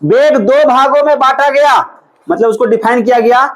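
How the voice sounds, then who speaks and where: A man's voice: very high voice, moderate pace, crowd noise, rough recording. A male teacher giving a physics lesson in a classroom, quizzing his students and repeating each question and answer back to them.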